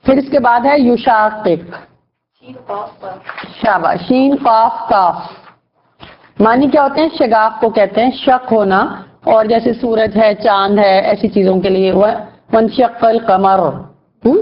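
A woman teaching a class, explaining word roots, quizzing her students and praising their answers. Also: a little high. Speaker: Quran vocabulary teacher. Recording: dull lo-fi recording.

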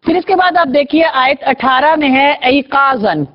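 A woman teaching Quran vocabulary, explaining Arabic word roots, asking her students questions and praising their answers. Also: high voice. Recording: dull lo-fi recording.

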